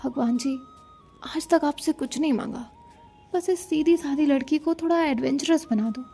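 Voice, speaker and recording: A woman's voice: high voice, normal speed, mellow, faint music behind. Cheeky young woman, read by a woman narrator. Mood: teasing. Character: playful teasing young woman, joking and dodging.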